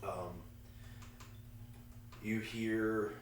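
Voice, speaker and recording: A man with a gravelly, congested voice, casually and haltingly narrating a tabletop game as game master. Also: on the low side, steady tone. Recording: echoey room, far from mic, faint noise.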